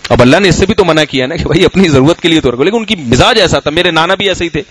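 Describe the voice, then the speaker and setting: A man's voice: a little high, expressive, a bit bright, slight background noise, poor audio. A middle-aged man from Pakistan, an Islamic scholar giving a conversational sermon, telling anecdotes and asking the audience questions. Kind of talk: sermon and Q&A talk.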